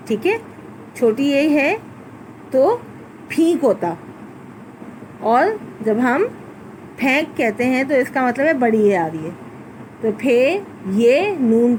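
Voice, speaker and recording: In this recorded class lesson, a woman who teaches Urdu at primary school spells out letters for children one step at a time, patiently. Her voice sits on the high side and is slightly mellow, and the poor-quality audio carries slight background noise.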